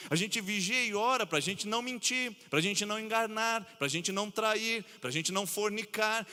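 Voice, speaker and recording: Pastor preaching in a bright, echoing church. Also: male voice. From Brazil. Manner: reads scripture slowly and low, then preaches with rising emphasis. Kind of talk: sermon. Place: church sanctuary. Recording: long church reverb.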